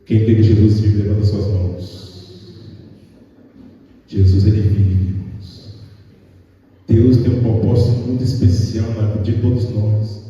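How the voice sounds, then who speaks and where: A man's voice: fairly low pitch, level tone, a little slow, long pauses, mellow, muffled recording. A man with a Brazilian Portuguese accent preaching a fervent evangelical sermon, repeatedly calling out to the congregation. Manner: fervent, repetitive, calls out to the congregation. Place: church hall. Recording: echoey hall, mic far off.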